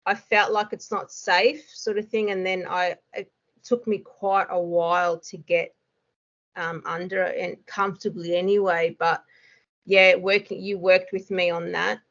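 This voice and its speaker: A woman's voice: lowish voice, level tone, measured pace, fairly bright tone, highs cut off. A woman, a hypnosis student, chatting casually in an interview with lots of fillers and frequent laughs.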